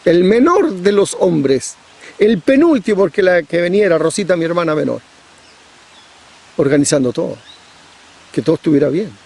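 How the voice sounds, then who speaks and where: A man's voice: sits high, lively intonation, normal speed, vocal fry, long pauses, a little mellow. A middle-aged man preaching a sermon, pressing his points with repetition and rhetorical questions.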